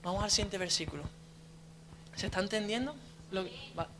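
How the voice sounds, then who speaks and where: A man's voice: sits high, normal speed, noisy background. A young man, preaching a conversational sermon as a deacon, telling his story with frequent tag questions and restarts.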